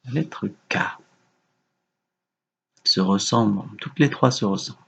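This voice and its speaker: A man teaching young children a remote lesson, giving slow, patient, gentle instructions. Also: on the low side, gravelly, slightly rough. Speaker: kindergarten teacher.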